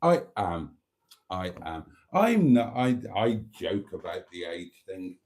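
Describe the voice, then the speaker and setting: With big swings in pitch and a slow pace, a British vlogger in his fifties chats on his live stream in a low, mellow voice. He's rambling and self-deprecating, full of ums and restarts, and calls his viewers darlings.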